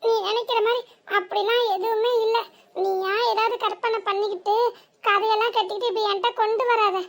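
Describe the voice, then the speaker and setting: A woman's voice: very high-pitched, steady tone, fairly quick. A woman doing a weepy village sister-in-law. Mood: defensive. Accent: southern Tamil Nadu. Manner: whiny, complaining, self-pitying. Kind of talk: village cartoon comedy dialogue.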